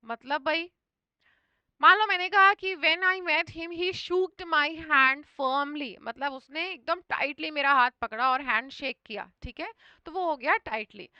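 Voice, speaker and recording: A woman's voice: sits high, a little slow, bright, forceful tone, dry recording, lo-fi sound. A woman teaching English vocabulary for an exam in Hindi, mixing in English words and often checking in with her students. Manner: often repeats "thik hai" to check understanding.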